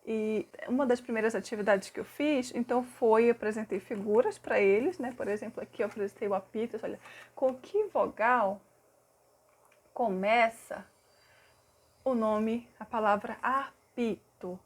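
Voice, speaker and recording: A woman from Brazil, a literacy teacher, recounts a case study and explains it, stretching words out slowly to model syllables and vowel sounds. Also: a little high.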